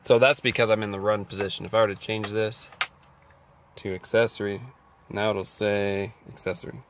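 A man's voice: lowish voice, little pitch movement, normal speed, background noise. A man working as a mechanic, talking through a scan tool diagnosis inside a car, thinking aloud and reading out values. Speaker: auto mechanic. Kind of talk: casual diagnostic walkthrough.

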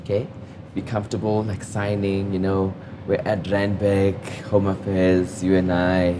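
A man's voice: sits low, monotone, measured pace. A young South African man chatting casually on a date over a meal, with a hesitant but eager manner. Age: young adult. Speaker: host on a mock date. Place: restaurant, indoors. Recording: clear background ambient noise.

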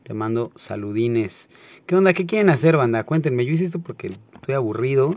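A man with a Mexico City accent chatting casually on a late-night livestream, greeting viewers by name in relaxed, slangy talk. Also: medium pitch, brisk, no room sound. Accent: Mexico City Spanish. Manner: laid-back, slangy, greets viewers by name, laughs often.

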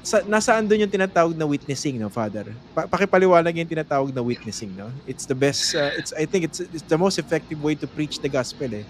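A man's voice: fairly high pitch, animated, fairly quick, hardly any pauses, a little hiss or hum. A man hosting an interview, thinking aloud and often checking in with short tag questions. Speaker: host. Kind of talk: conversational interview.

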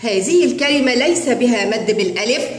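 A woman teaching a kindergarten Arabic lesson, slowly drawing out syllables as she sounds out words and addressing the children as friends. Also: a little high, expressive, slight background noise. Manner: slow, drawn-out sounding of syllables. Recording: echoey room with long reverb.

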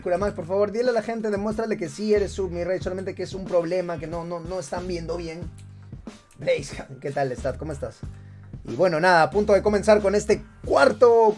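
A man casting a live esports tournament on stream. He calls the action loudly and energetically, then slips into laid-back banter with his chat. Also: high voice. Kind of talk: live esports play-by-play commentary.

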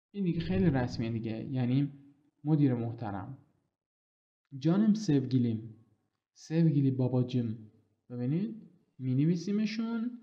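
A man teaching an online language lesson, explaining patiently and reading example sentences slowly and clearly. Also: mid-range voice, highs cut off.

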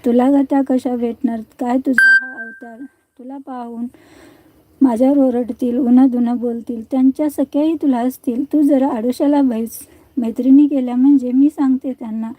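A woman's voice: sits high, fairly even intonation, moderate pace, a little mellow, no room sound, poor audio. A woman voicing a fretful palace maid. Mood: wary. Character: anxious young female palace maid.

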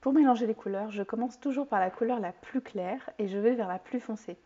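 In a home kitchen, a woman in her forties explains soap making step by step, teaching clearly and calmly with a few fillers. Her voice is a little high and brisk, and the recording has a slightly dull lo-fi sound.

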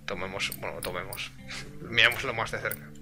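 A man's voice: fairly low pitch, fairly even intonation, moderate pace, over music. A man streaming live and translating a game aloud, hesitant and full of fillers.

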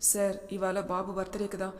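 A woman voicing a patient, gentle young wife and mother who speaks calmly and softly, with a long reverb. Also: medium pitch, moderate pace, lightly acted.

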